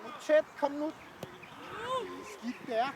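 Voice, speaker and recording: A youth football coach shouts from the sideline in a very high voice, calling players by name, pushing them on and praising good play. The voice is caught by a distant camera mic on an outdoor pitch, with clear noise all around. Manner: calls out players' names, urging and praising. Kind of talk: sideline coaching during a match.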